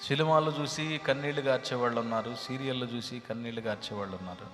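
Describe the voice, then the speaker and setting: A preacher, his mid-pitched voice moving from near-whispered lines to loud, ringing ones. The sound carries a long hall reverb with soft music underneath. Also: fast. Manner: dramatic preaching, swings from hushed to loud. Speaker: pastor. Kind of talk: sermon with storytelling.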